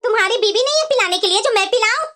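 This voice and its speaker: A woman's voice: very high voice, expressive, racing, music in the background. A woman voicing a stern, bitter older mother-in-law in a cartoon, scolding and sarcastic.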